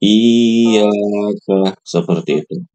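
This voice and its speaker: A man guides a small recitation class, patiently repeating each phrase himself. His voice sits very low and unhurried, with a mellow, soft tone. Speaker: Quran recitation teacher. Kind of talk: online recitation lesson.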